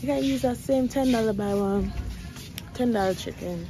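A woman's voice: fairly high pitch, normal speed. A young woman chatting casually and joking with friends while filming a travel vlog. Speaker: vlogger. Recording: pop music playing behind.

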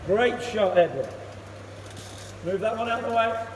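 A man coaching cricket in a big indoor net hall, his high voice picked up from across the room. He gives brisk instructions and quick praise. The hall rings with a long echo, and loud noise sits under everything. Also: expressive, far from the mic. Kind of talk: one-to-one coaching session. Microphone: camera across the net, far off.

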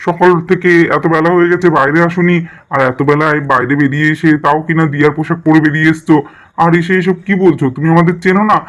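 A man's voice: a little high, steady tone, fast talker, fairly bright tone, lightly acted. A man voicing a confused, impatient grown son in a cartoon, firing off pleading questions.

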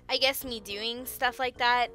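A young woman with a high, bright voice talks her way through a video game. Her commentary is casual and quiet, and she mutters to herself as she works things out. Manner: muttering, unsure, talking to herself while playing. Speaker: game streamer. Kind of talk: casual let's-play commentary.

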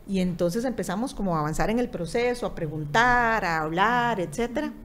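A woman's voice: medium pitch, fairly quick, a bit bright, slight background noise. A woman in her thirties with a Costa Rican accent, a guest in an interview, telling a personal story and acting out the dialogue in it. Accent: Costa Rican Spanish. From Costa Rica.

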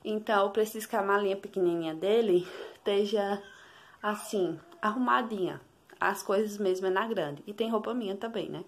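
A woman's voice: medium pitch, moderate pace. Chatty Brazilian mother vlogging at home. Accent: Brazilian Portuguese. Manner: soft, chatty, fond of diminutives. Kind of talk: casual home vlog chat. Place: home, in the kitchen.

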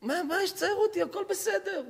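A man voicing a gentle, worried elderly father questioning his daughter softly. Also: very high voice, vocal fry, a little hiss or hum, pitched above the performer's own voice. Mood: anxious.

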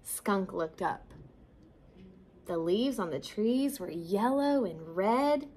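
Slow, expressive storybook-reading woman. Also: medium pitch, slight background noise. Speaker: teacher reading aloud. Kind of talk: storybook read-aloud.

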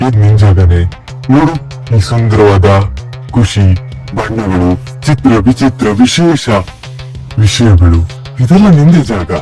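A man's voice: lowish voice, lively intonation, unhurried, long pauses, dark tone, faint music behind. A man voicing a mocking male presence of a trapped world, taunting and repetitive. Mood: coaxing. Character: mocking male voice of the addictive place.

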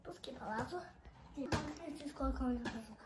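A high-pitched child's voice in an echoey room at home, with loud noise underneath. The child talks haltingly, repeats short phrases over and over while demonstrating things, and sounds casual and unscripted. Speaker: child showing a toy collection. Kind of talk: casual home video demo.

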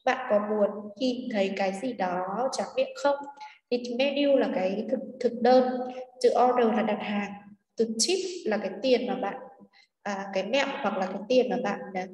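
A woman teacher, her voice a little high and mellow. She goes through test answers patiently and keeps asking whether the class follows. She sounds some way from the mic, in a room with a long, echoing tail. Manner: patient, checks understanding with quick questions. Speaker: English teacher. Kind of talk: explaining test answers to students. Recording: echoey room, far from the mic.

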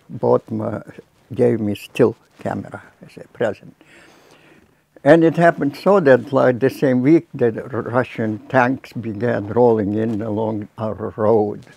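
Elderly Lithuanian-accented man in his nineties, very slow and raspy, halting reflective storytelling in a dry cluttered room. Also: mid-range voice, darkish tone, no echo. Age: 90s. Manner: halting, with many restarts and pauses. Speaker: filmmaker recounting his life. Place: cluttered workshop indoors, small room.

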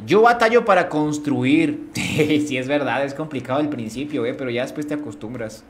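A man's voice: medium pitch, animated, moderate pace. A man streaming a game live, chatting casually. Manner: chatty, greets chat, slangy.

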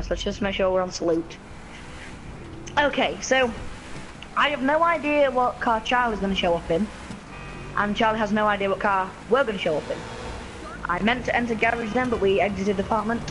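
A man's voice: high voice, moderate pace, pauses often. Guy hosting a game video, hiccuping, kinda rambly, bit of hiss behind. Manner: chatty, rambling, slightly scattered. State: has the hiccups. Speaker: gaming channel host. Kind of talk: casual gameplay commentary.

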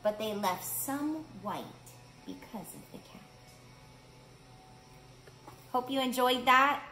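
A middle-aged art studio teacher reads a picture book to young children slowly, her high-pitched voice animated and sharp in tone. She uses simple, clear phrasing and asks the kids questions. Faint music plays behind her in the small, echoey indoor room, where background noise is clearly heard.

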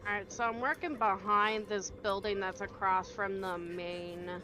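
A woman's voice: mid-range voice, steady tone, unhurried, noisy background. A woman game streamer chatting casually with friends while she plays. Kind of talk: casual gaming chat.

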